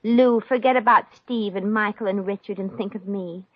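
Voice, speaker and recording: In the style of 1950s radio comedy, an actress plays a brassy, good-hearted, wisecracking young woman, breezy and slangy, sounding amused and astonished. Her natural medium-pitched voice holds a steady tone at a moderate pace, with no echo, on a dull old-time radio recording.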